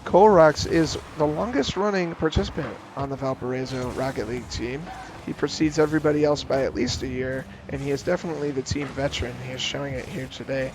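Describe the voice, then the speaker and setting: A man calling esports play-by-play, giving a brisk, steady account of the action. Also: mid-range voice, a little hiss or hum. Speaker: play-by-play caster.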